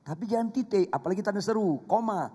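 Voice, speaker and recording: A man's voice: high voice, lively intonation, quick pace, mellow, breathy edge. A man with an Indonesian accent, a pastor preaching an emphatic, humorous sermon that repeats phrases for effect. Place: church. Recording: long reverb of a church hall.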